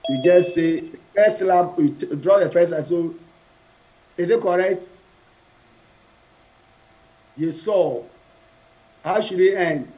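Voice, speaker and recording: A man's voice: high-pitched, dark tone. A man teaching a French verb lesson to a class, drilling conjugations and quizzing students. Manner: slow, repetitive drilling with questions to the class. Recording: dull lo-fi classroom recording.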